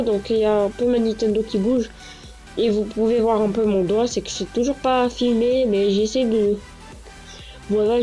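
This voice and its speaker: Stuffy-nosed with a cold, a woman who hosts a gaming channel gives rambling, casual gameplay commentary while lying down in a small, echoing bedroom. Her voice is on the high side with a dark tone, and she uses plenty of fillers and restarts. A handheld console camera records her over game music.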